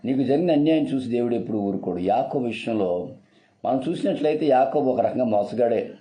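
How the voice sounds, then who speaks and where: Dark-voiced man preaching a sermon. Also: mid-range voice, expressive, fairly quick, rough recording. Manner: earnest, repetitive, urgent exhortation.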